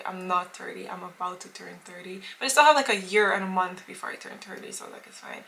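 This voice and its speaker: Woman, late twenties, vlogger. Bright, forward voice; rambling chatter full of fillers. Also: medium pitch, gravelly, slight background noise, poor audio. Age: late 20s. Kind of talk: casual vlog chat to camera.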